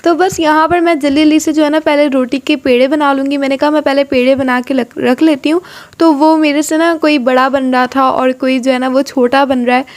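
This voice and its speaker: A young woman from Pakistan with a high voice chats her way through a home kitchen vlog. She rambles, fills gaps with little stock phrases and giggles, talking to a camera she sometimes holds in one hand. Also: steady tone, fairly quick. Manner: chatty, rambling, with frequent filler phrases and giggles. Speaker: vlogger. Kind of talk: casual cooking vlog chat. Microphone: camera or phone, sometimes hand-held.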